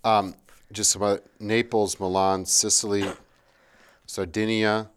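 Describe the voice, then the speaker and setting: Very deep-voiced man chatting history. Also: flat delivery, a little slow, smooth. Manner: rambling, checks in with "right?". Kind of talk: casual history chat.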